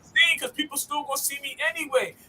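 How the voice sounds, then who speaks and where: A woman hosting a casual podcast chat, animated and profane, often checking that she is understood. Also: high-pitched, fast talker. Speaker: podcast host.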